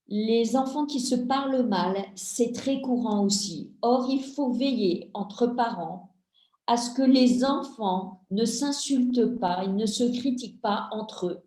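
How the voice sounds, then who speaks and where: A middle-aged woman gives a measured talk to parents over a video call, acting out small family exchanges as she goes. Her voice is mellow and a little high, and she takes her time. The room around her sounds echoey. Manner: slow, measured, acts out family dialogue examples. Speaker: lecturer on family communication.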